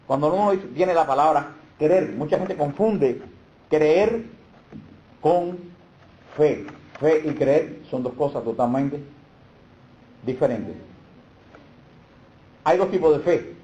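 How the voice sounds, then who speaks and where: In an echoey room, a man delivers a catechism lecture full of emphatic stresses and rhetorical questions. His voice is slightly high, yet its tone is dark and mellow.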